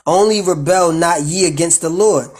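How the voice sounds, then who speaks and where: A man reading scripture and retelling it in profane, animated slang. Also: a little high, normal speed, husky. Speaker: bible study teacher. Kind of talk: casual bible reading with commentary.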